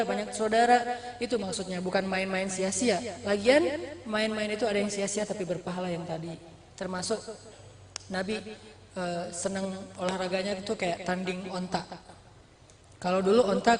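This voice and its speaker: A man giving a casual, lively sermon, telling stories and acting out the dialogue in different voices, and talking to his listeners as friends. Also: high-pitched. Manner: acts out dialogue in storytelling voices; chatty, jokey, addresses listeners as friends. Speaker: Islamic preacher. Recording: echoey room.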